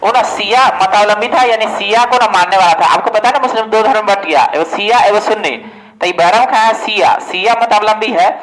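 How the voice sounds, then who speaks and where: Man, exam-prep lecture, asks and answers his own questions, high voice. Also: brisk, a bit bright, low-quality recording. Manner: asks questions and answers them himself, often says "ठीक है". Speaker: exam coaching teacher.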